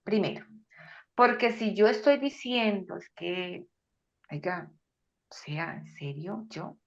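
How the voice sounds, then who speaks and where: A woman speaks on a faith podcast in a somewhat low voice, animated and expressive, jumping into quoted voices with bursts of loudness. The audio is dull and lo-fi. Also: takes it slowly, vocal fry. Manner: animated, acts out quoted voices with sudden loud exclamations. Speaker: guest speaker. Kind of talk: faith-based podcast conversation.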